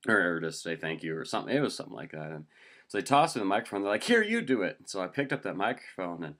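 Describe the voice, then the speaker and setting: A man's voice: deep voice, racing, a bit bright. A man in his twenties from Montana, hosting his own web show in a rambling, chatty solo monologue. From Montana, USA. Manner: rambling, chatty, with frequent restarts and laughs.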